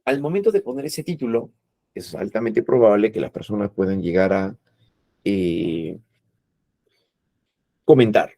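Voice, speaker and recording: Low gravelly teacher. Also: male voice, expressive, measured pace, long pauses, mellow, no room sound. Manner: explains patiently with frequent "¿no?" and "eh" tags. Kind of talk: explanatory lecture.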